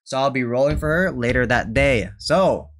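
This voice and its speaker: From his small bedroom streaming setup indoors, a man in his twenties reacts to videos with slangy, casual remarks, exclaiming and saying things over again. He speaks in a mid-range voice at a moderate pace, while loud game trailer music from the played videos plays behind him.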